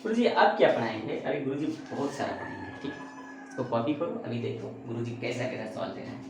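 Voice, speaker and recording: A man's voice: mid-range voice, a little fast, noisy background. Chatty male math teacher, echoey room. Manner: asks and answers his own questions; chatty, joking asides. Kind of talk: classroom math lesson.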